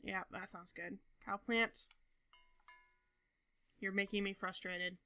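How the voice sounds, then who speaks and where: A young woman giving casual commentary over her gameplay, chatting to viewers and talking to the game characters, with excitable outbursts. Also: mid-range voice, slow. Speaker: gaming video host.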